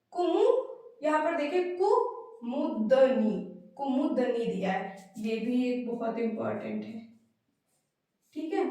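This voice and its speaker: A woman teacher giving a spelling lesson for exam students, explaining step by step and repeating each word slowly. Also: sits high, a little mellow. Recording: very echoey room, voice far from mic.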